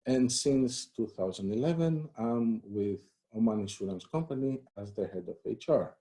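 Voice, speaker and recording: Man from Greece, interview guest, HR head, relaxed, conversational, dark mellow voice. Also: mid-range voice, normal speed. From Greece and the United States. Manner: relaxed and conversational, frequent "you know" fillers and repeats. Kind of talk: live-streamed interview.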